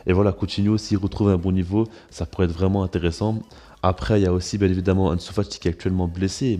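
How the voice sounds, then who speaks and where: A man's voice: sits low, mellow. A man with a congested, blocked-nose sound gives informal, opinionated football commentary as a channel host, repeating words for emphasis.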